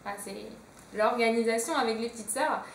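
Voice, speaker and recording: Chatty young woman with a high voice. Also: fairly quick, recorded from a distance, slight background noise. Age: young adult. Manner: chatty, hesitant with many fillers. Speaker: book vlogger. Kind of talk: casual chat. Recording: echoey room, a bit off-mic.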